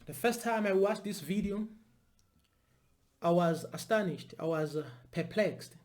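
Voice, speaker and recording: Person talking to camera, unscripted commentary, deliberate, repeats phrases for emphasis, medium pitch. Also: darkish tone. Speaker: video commentator.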